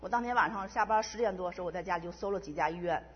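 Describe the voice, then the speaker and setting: Middle-aged woman, church testimony, husky fast delivery, dull lo-fi mic in a reverberant hall. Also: lowish voice. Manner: emotional, quick storytelling with repetitions. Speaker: church member giving testimony. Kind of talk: personal faith testimony.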